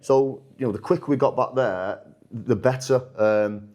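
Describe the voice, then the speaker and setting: At a moderate pace and medium pitch, this man, a football manager, chats informally in a podcast interview. His speech wanders and restarts frequently, but picks up energy when he quotes what others said.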